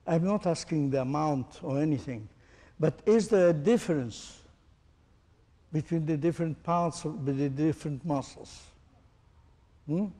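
A man's voice: a little high, a little slow, pauses often, mellow, long reverb tail. A man teaching a group, asking pointed questions and demonstrating with his own body. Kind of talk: interactive lecture to a group.

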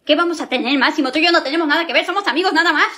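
A woman playing a blunt, sarcastic young woman who mocks and brushes off her admirer with quick retorts. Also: high-pitched. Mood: mocking. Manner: sharp, mocking, quick retorts.

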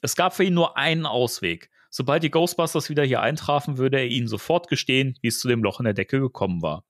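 Studio-quality and free of echo, this clip has a German-accented man speaking quickly at medium pitch. As a podcast co-host, he reads a film novel aloud in a playful way, adding dramatic emphasis and tossing in jokes along the way.

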